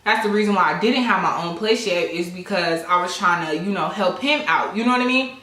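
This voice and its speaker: A woman's voice: on the low side, brisk. A young adult woman vlogger telling a casual story while eating, speaking straight to her viewers and acting out other people's voices. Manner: animated storyteller who addresses viewers directly. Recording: echoey room.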